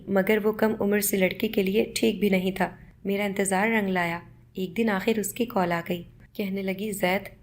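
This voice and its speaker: A woman narrating a scripted first-person moral story in a steady, measured reading. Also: mid-range voice.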